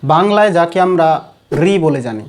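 Male teacher with a Bengali accent, measured and deliberate, recites rules slowly. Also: fairly high pitch, expressive. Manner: measured, chants sutras slowly. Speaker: Sanskrit pronunciation teacher. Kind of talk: explanatory lesson.

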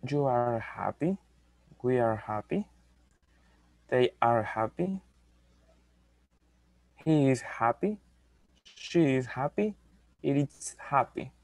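Slow male student, dry sound. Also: mid-range voice, no room sound. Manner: reads sentences slowly and flatly. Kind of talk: reading aloud in class.

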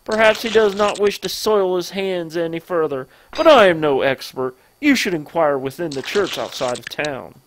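A let's-play narrator voicing a smug, gluttonous male merchant villain in a put-on Southern accent, slow and oily. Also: medium pitch, animated, slight background noise, lightly acted.

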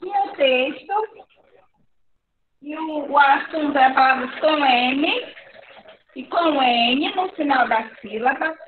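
A woman with a Brazilian accent teaching young children in an online class, patiently repeating words slowly in a sing-song way. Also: sits high. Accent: Brazilian Portuguese. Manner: slow, patient, sing-song word repetition. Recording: echoey, distant, phone-like online class audio.

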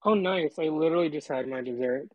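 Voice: mid-range voice, fast talker, dry recording, muffled recording. A caller talking through a voice changer that disguises the voice, chatting casually on a call and rambling with lots of fillers. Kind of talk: casual phone chat.

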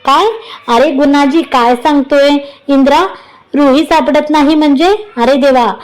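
A woman's voice: high voice, fairly even intonation, measured pace, rough recording. A woman voicing a worried older mother of the household. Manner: worried, exclaiming.

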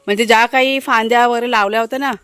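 A woman's voice: on the high side, steady tone, racing, fairly bright tone, smooth. A woman with a Konkan Marathi accent, chatting casually as she shows viewers around her village home and garden. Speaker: family vlogger. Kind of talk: casual village vlog narration.

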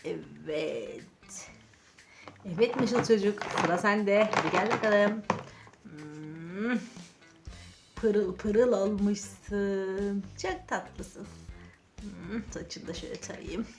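Talking to the toys in sing-song encouragement, this children's channel host narrates her toy play playfully. She is a woman with a medium-pitched voice who speaks extremely slowly, with long pauses. Background music runs beneath her voice.

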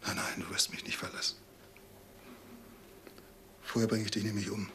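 A menacing jealous husband. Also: male voice, on the low side, moderate pace, creaky, a little hiss or hum. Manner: soft, threatening whisper rising to furious outbursts. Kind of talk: 1980s TV crime drama acting.

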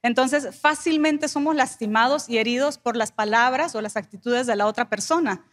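A woman co-speaking at a church couples conference, explaining relationship advice in a calm, measured way. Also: on the high side.

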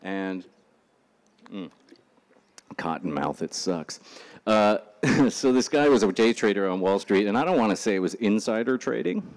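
Brief: man in his forties, casual and profane stage speaker, very low voice. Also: lively intonation, moderate pace, long pauses. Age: 40s. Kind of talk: casual motivational talk. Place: stage before a live audience.

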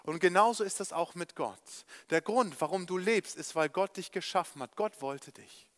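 A man preaching in a church, telling a parable with animated storytelling and speaking straight to his listeners. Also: sits high, normal speed. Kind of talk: evangelistic sermon storytelling.

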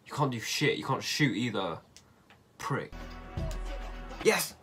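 A man's voice: mid-range voice, animated, unhurried, pushed and bright, soft background music. A young man commentating on his video game as a raging, exasperated, sweary gamer. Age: young adult. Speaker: gamer streaming video games. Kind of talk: frustrated gameplay commentary. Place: small bedroom, indoors.

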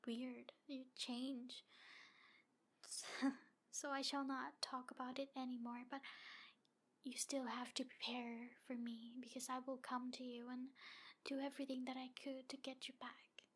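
A woman performs a jealous demon woman in an intimate ASMR roleplay, speaking high and slow with a breathy, halting delivery that often sinks toward a whisper. She pleads with obsessive devotion, and the heavily acted voice stays a bit bright with little pitch movement. The mood is quietly menacing.

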